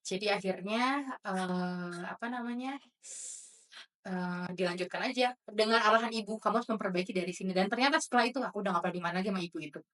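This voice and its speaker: Young woman guest, rapid chatty storyteller, recorded a bit off-mic. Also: medium pitch, fairly bright tone, recorded from a distance. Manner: chatty storyteller, frequent fillers and laughs. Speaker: psychologist guest. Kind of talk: casual podcast chat.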